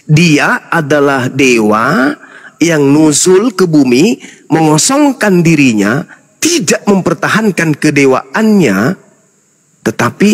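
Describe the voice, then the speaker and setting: A man, an Islamic preacher, in a heated interfaith debate, lecturing insistently and talking over the other man. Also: a little high.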